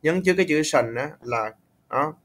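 A man from Vietnam with a Vietnamese accent, patiently tutoring English on a video call, repeating words slowly to correct pronunciation. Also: fairly high pitch, expressive, a bit bright. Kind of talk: online English tutoring, casual.

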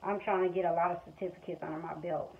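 Speaking fast with fairly even intonation and a low pitch, a young American vlogger from Missouri, a stay-at-home mother, chats casually and frankly to camera in everyday language. The off-the-cuff clip comes from a small room in her home, recorded on a phone nearby or at arm's length. Expect dull lo-fi phone sound with faint household noise behind her.

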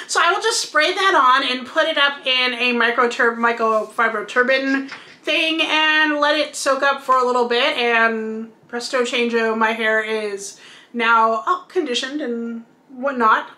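A woman in her thirties with a high, bright voice chats casually through a product review at home. She explains each item as she holds it up, and her voice carries some room echo. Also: a little slow. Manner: chatty, explains while showing products. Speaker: beauty vlogger. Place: bedroom at home, indoors.

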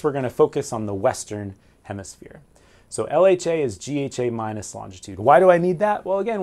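A navigation instructor in his forties gives a whiteboard lesson in a small room hung with framed pictures and signal flags. His voice is mid-range with a darkish tone, and he explains step by step, posing questions and then answering them himself.

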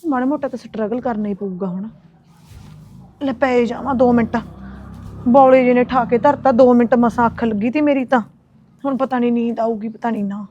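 Slightly high and mellow, with a steady tone, a woman's voice plays a young wife chewing out her husband in quick village banter for a comic web series. The dry, muffled phone recording is lo-fi, with a little background noise.

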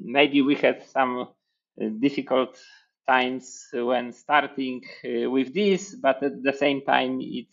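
A man in his forties from Poland with a Polish accent, speaking as an interview guest in a measured, hesitant way with many fillers. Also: mid-range voice, gravelly, highs cut off. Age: 40s. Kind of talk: interview over video call. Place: room with hexagon panel wall. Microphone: headphones with mic on video call.

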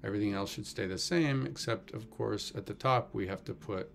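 A man's voice: fairly low pitch, fairly quick, gravelly, a bit bright, soft background music. A man teaching a coding tutorial in a casual, wry way, thinking aloud with many fillers. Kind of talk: screen-recorded coding tutorial.

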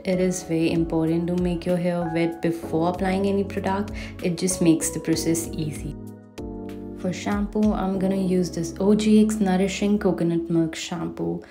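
Speaking at a normal speed in a lowish voice with fairly even intonation, a young woman in her twenties walks through her shower and skincare routine at home. She's a beauty vlogger, chatty and excited about her products, and faint music plays in the bathroom as she does a casual voice-over.

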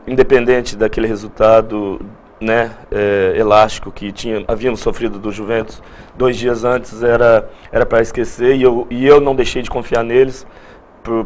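A man in his thirties, a football coach, recounting events in a TV studio interview, measured and halting, repeating words as he thinks. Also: mid-range voice, darkish tone. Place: TV studio set.

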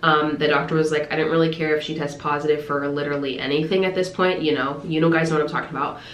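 A woman's voice: low-pitched, fairly even intonation, fast, a bit bright, echoey room. A woman vlogger chatting casually, rambling with lots of fillers and sounding congested. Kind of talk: casual vlog chat. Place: car, then home.

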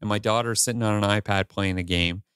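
Candid lowish-voiced male podcast host. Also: fairly even intonation, quick pace, fairly bright tone, smooth, no echo, clean studio sound. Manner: candid, rambling with restarts and swearing. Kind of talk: casual chat.

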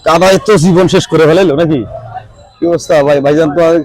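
A man's voice: a little high, fairly even intonation, quick pace, darkish tone, dry recording, soft background music, rough recording. A man, walking through a rainy, muddy outdoor cattle market, asking sellers their prices and talking straight to his viewers. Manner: chatty, addresses viewers directly, haggles over prices. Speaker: vlogger touring a cattle market. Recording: outdoor market crowd behind. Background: crowd chatter and rain.

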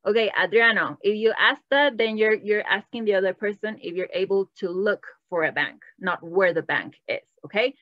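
A woman's voice: medium pitch, unhurried, few pauses, dry recording, muffled recording. A woman teaching an online Spanish class, patient and encouraging, moving between English and Spanish as she praises students. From Latin America. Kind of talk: bilingual online language lesson.

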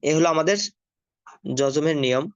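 A man teaching a recitation lesson, spelling out letters slowly and repeating the sounds for practice. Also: a little high, steady tone, smooth, dry recording. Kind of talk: spoken Quran recitation lesson. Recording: dull lo-fi dry recording.

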